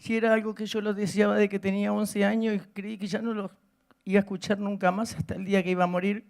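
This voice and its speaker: A woman's voice: medium pitch, flat delivery, quick pace, creaky, darkish tone. Blunt Argentine woman telling her story. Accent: Argentine Spanish. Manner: candid and blunt, with crude slang. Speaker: speaker sharing her life story. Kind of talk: personal testimony told to a live audience.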